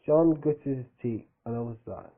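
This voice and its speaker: A man's voice: mid-range voice, moderate pace. A man reading a fan story aloud, stumbling over words and breaking off for joking asides. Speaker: reader of fan fiction. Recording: tinny phone-like audio.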